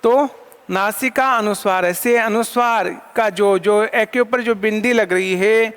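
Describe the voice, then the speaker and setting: A man's voice: high-pitched, measured pace, fairly bright tone, clean tone. A man teaching an online lesson, asking questions and answering them himself and counting items aloud. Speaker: Sanskrit teacher. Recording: long hall reverb.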